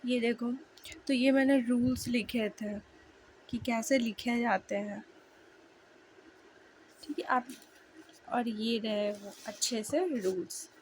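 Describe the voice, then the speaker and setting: A young woman with a slightly hoarse voice, chatting casually to viewers as she shares her language-learning notes and sounds out letters slowly. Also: a little high, a little mellow, a little hiss or hum, low-quality recording. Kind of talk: casual video lesson.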